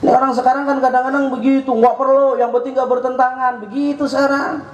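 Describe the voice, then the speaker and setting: A man preaching a sermon with a Jakarta Betawi accent, joking with the crowd and at times shouting. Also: very high-pitched, level tone, fast, dull audio. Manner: joking, rising to shouts at points. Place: mosque or prayer hall. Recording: echoey hall with faint hum.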